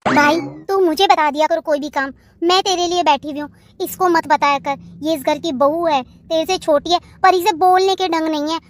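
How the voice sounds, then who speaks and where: A woman's voice: very high voice, brisk, fairly bright tone. A woman voicing a bossy, protective sister-in-law in a cartoon, lecturing in a domineering way.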